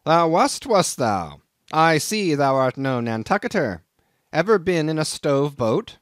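A man voicing a gruff, suspicious old whaling captain who blusters in archaic thee-and-thou speech. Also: fairly high pitch, sing-song, unhurried, no room sound, studio quality, pitched above the performer's own voice. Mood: gruff, blustering. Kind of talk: audiobook character voice.

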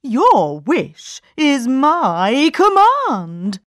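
A woman voicing a booming genie of the lamp in a storybook, making loud, grand proclamations. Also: wildly swooping pitch, very slow, no room sound, studio quality, heavily acted.

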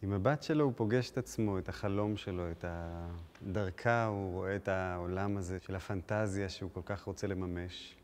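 A man speaking calmly and reflectively in a behind-the-scenes interview. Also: low-pitched, slight background noise.

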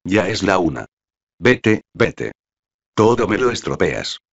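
A man voicing a weary young woman who flatly urges her friend to go to sleep. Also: low voice, slow pace, vocal fry, no room sound, dull audio, exaggerated voice. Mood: sleepy.

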